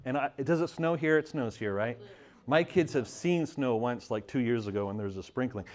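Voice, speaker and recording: A man in his thirties from Montreal telling a family story in a casual, animated way, often laughing and restarting his sentences. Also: medium pitch, brisk. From Montreal, Canada.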